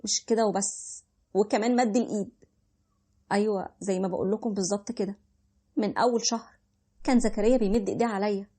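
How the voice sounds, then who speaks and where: A woman's voice: medium pitch, steady tone, fast talker, pauses often, warm tone, slightly rough. A young woman in her twenties with an Egyptian accent, narrating a first-person story in an emotive, plaintive way. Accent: Egyptian Arabic. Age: 20s.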